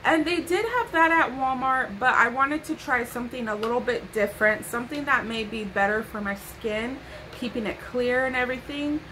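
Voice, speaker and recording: A woman's voice: fairly high pitch, moderate pace, bright, forceful tone, a little hiss or hum, low-quality recording. A young woman vlogging a casual haul to camera from her bedroom, sassy and chatty with playful asides.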